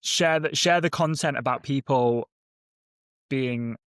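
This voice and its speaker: A man's voice: medium pitch, takes it slowly, fairly bright tone, no room sound, clean studio sound. A man in casual conversation as a guest, informal and agreeable, thinking aloud as he goes. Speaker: podcast guest and content creator.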